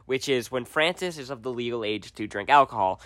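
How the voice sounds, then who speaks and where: A man's voice: mid-range voice, fairly quick, fairly bright tone, no echo, studio quality. A teenage boy chatting casually and telling a story, laughing as he goes. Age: teens.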